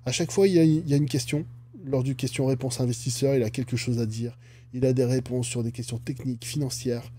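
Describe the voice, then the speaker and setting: Chatty man with a mellow voice. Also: mid-range voice, steady tone, quick pace. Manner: chatty, jokey asides. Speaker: stock analysis YouTuber. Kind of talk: casual finance commentary.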